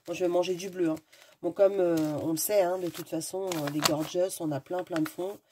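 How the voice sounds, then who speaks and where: Woman host, low-pitched, stuffy and sniffly, chatty and eager, hunting for words; faint background noise. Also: fairly even intonation, moderate pace. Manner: chatty, enthusiastic, searching for words with many fillers. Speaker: craft video host. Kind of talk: casual unboxing chat.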